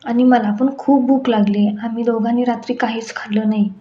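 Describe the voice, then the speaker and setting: A woman's voice: a little high, fairly even intonation, a little fast, lightly acted. A woman voicing a caring young husband. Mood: concerned. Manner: coaxing, concerned tone. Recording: echoey room, dull sound, faint music.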